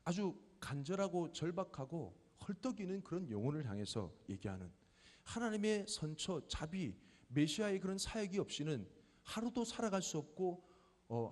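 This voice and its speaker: Man, thirties, pastor, sermon, animated pitch, long church-hall echo. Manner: conversational, explains with questions and family stories.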